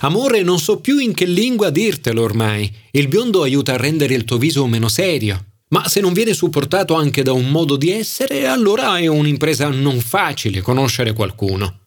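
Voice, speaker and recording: A man voicing an anxious, flamboyant male friend who climbs into shrill high cries and turns bossy, in an audiobook. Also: big pitch swings, normal speed, few pauses. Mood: coaxing.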